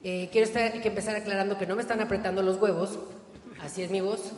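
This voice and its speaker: Self-mocking comic, man with a very high voice, noisy live room. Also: steady tone, quick pace. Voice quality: very high-pitched voice. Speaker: stand-up comedian. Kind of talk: stand-up set. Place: theater stage. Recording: roomy theater with loud audience. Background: audience laughter and noise.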